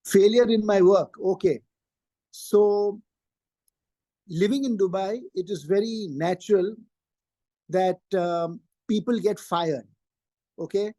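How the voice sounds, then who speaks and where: Older man, interview guest; high, mellow tone, emphatic and repetitive, dry close sound. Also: slow, long pauses, dry recording. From Pakistan. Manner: emphatic, repeats key phrases. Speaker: interview guest, trainer and career coach. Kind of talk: interview answers.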